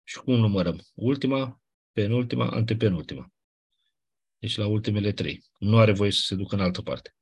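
A man gives a classroom lecture on Ancient Greek accents, patiently explaining the grammar rules and repeating the key points. His voice is fairly low, darkish and husky, and the audio sounds dull.

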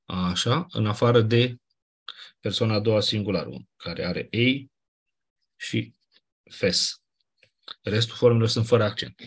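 Husky and on the low side, this Greek teacher pauses often while lecturing on Ancient Greek grammar. He explains casually, slips in colloquial asides, and checks with his class using "nu?"

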